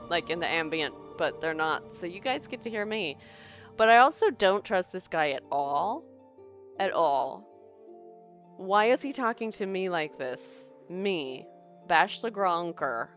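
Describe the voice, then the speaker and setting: A woman's voice: on the low side, a bit bright. A woman streamer giving casual, playful gameplay commentary, chatting to viewers and thinking aloud. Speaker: game streamer.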